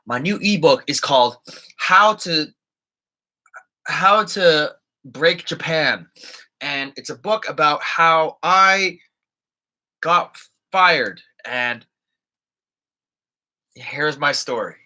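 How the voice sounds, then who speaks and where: A man voicing a smug, self-promoting influencer who gives a pushy, boastful sales pitch for his ebook. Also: animated, extremely slow, long pauses, sharp tone, full character voice, poor audio.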